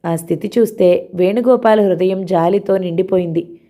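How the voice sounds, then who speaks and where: A woman narrating a novel in a steady, unhurried reading voice. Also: on the low side.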